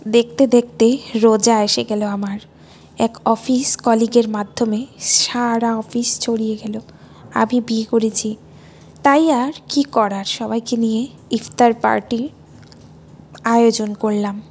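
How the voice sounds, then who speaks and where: A woman narrating a romantic audio story aloud in a lively first-person storytelling manner. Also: a little high, slow pace, long pauses, slightly rough.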